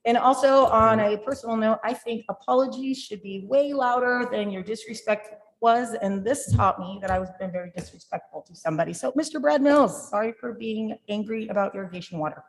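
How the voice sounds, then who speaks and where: A woman's voice: medium pitch, a little fast, hardly any pauses, rough recording. A woman on a city council giving a casual, chatty report. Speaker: council member. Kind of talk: council meeting.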